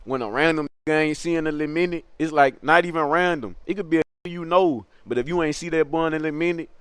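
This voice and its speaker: A young man telling a funny story in a casual, animated, slangy way, acting out other people's lines in a high voice. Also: fast, smooth, no room sound. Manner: animated slangy street storytelling, laughing, acts out quotes in a high voice.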